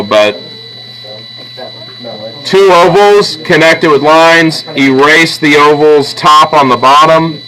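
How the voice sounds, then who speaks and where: Here an art teacher, his voice fairly high and sharp in tone, patiently explains a drawing lesson one step at a time to students in the classroom. He keeps pausing to ask "okay?" and "all right?" The audio is of low quality.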